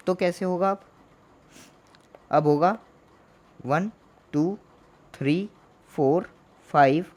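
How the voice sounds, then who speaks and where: A man's voice: a little high, a little mellow. A man teaching a chemistry lesson in Hindi, asking questions and answering them himself, repeating each term to drill it in. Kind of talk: Hindi classroom lecture.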